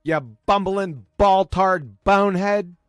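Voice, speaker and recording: Smug, sarcastic high-pitched man. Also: steady tone, slow, clear, resonant tone, dry recording, studio quality, soft background music. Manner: smug, sarcastic mockery with name-calling. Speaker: video commentator. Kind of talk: mocking commentary on played clips.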